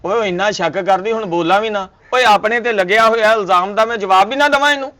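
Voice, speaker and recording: An exasperated husband, played by a man in a comedy sketch. His voice sits high as he lectures his family. He makes his points with jokes and old sayings. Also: fast, fairly bright tone. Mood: annoyed. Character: husband defending himself against a suspicious wife, with comic wordplay.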